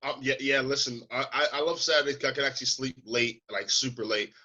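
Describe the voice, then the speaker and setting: A young man, co-hosting a podcast in casual chat, animated and quick to laugh while telling stories. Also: medium pitch, dull audio. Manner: animated, laughs often, acts out voices in anecdotes. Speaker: podcast co-host.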